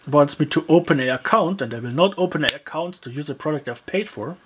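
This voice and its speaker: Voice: medium pitch, expressive, fast, noisy background. A person taking apart and reviewing a cheap gadget in casual, rambling commentary, full of fillers and grumbling asides. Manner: frequent fillers like yeah and uh. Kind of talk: casual product teardown commentary.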